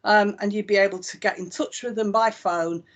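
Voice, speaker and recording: Speaking at a moderate pace in a medium-pitched, fairly even voice, a Lancashire-accented woman from Northwest England walks through a website live. She is a chief executive, explaining every click conversationally with frequent ums. The recording has its highs cut off.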